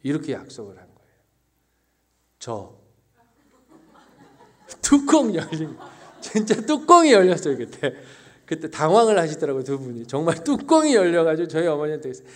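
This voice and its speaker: A man preaching a sermon in his own words, telling a story on himself with laughter, then slowing into quiet, searching reflection. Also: a little high. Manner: lively storytelling that turns slow and reflective. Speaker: pastor.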